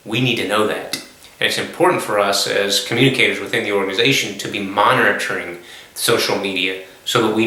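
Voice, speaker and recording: A man's voice: lowish voice, bright, forceful tone. Man lecturing in a very echoey room. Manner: measured, explanatory, frequent ums and self-corrections. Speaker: course instructor. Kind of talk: recorded online lecture.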